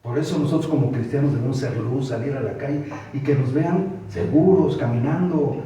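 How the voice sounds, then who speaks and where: Male preacher, mellow and exhorting, off-mic in a roomy hall. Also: mid-range voice, brisk, slight background noise. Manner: exhorting, full of rhetorical questions. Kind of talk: sermon. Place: church hall. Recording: echoey hall from far off.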